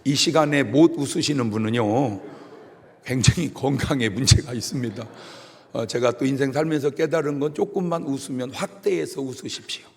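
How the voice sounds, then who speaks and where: A middle-aged man pastor giving a humorous sermon, telling stories and acting out shouted voices. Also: mid-range voice, normal speed. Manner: animated storytelling with jokes and shouted imitations. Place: church sanctuary. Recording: long reverb of a church hall.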